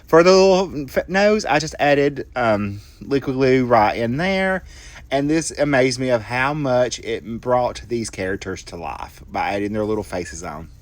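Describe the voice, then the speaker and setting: A man's voice: mid-range voice, lively intonation, unhurried. A middle-aged man, casually narrating a card-making tutorial with folksy, self-deprecating asides to his viewers. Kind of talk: casual crafting tutorial voice-over.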